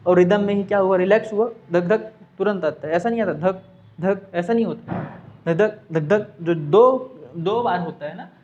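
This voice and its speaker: A man's voice: sits high, brisk, mellow, dull audio. A man teaching a science class, with a Hindi accent, who asks and answers his own questions and mixes in English terms. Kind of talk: class lesson.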